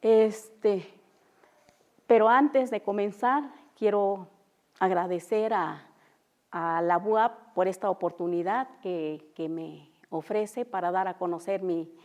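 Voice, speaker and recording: A young woman who speaks Mixtec natively, teaching an unscripted language class in an auditorium, halting with many fillers and repeating example sounds. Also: medium pitch, darkish tone. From Oaxaca, Mexico. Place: university auditorium.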